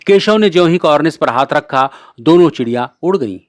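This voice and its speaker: A man narrating a classic short story in a measured, clear reading voice. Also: on the high side, expressive, dry recording, clean studio sound.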